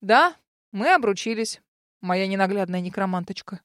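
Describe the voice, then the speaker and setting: A woman's voice: medium pitch, expressive, normal speed, no echo, studio quality, close to an everyday voice. A woman voicing a sarcastic, theatrical male dragon ghost who complains melodramatically in a storybook reading. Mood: mocking.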